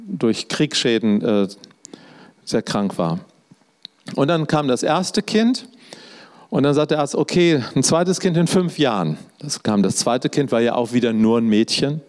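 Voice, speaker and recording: A man's voice: mid-range voice, very animated, measured pace, a little mellow. A middle-aged man preaching a sermon, telling a personal story in a conversational way and speaking directly to his listeners.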